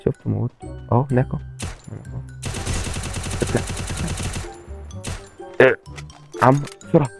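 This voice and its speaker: A man with an Egyptian accent commentating his own gameplay and repeating excited exclamations. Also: medium pitch, measured pace, creaky, pauses often, faint music behind. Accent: Egyptian Arabic. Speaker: gaming channel host.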